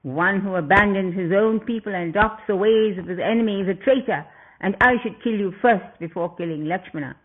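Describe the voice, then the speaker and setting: Man voicing a snarling arrogant demon prince, storybook villain, fairly high voice, thin phone-like sound. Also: moderate pace. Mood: furious. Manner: snarling, accusing. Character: furious arrogant young demon prince, male. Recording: tinny phone-like audio.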